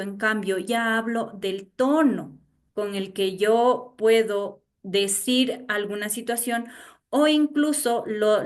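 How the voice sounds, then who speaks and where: A woman with an Ecuadorian highland accent teaching an online class, repeating herself and checking in with her students. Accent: Ecuadorian highland Spanish. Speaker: university teacher. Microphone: video call.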